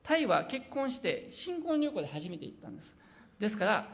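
Middle-aged preacher from Osaka, Osaka accent, gravelly and animated, earnest sermon delivery. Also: medium pitch. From Osaka, Japan. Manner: earnest, reads scripture slowly, slips into dialect. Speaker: preacher and missionary. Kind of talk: sermon with personal testimony.

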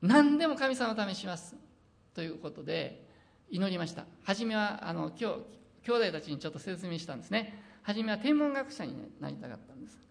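A middle-aged preacher with an Osaka accent delivers an earnest sermon with personal testimony. The voice is gravelly and the pitch moves a great deal. Scripture passages come slowly. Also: lively intonation. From Osaka, Japan. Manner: earnest, reads scripture slowly, slips into dialect. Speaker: preacher and missionary.

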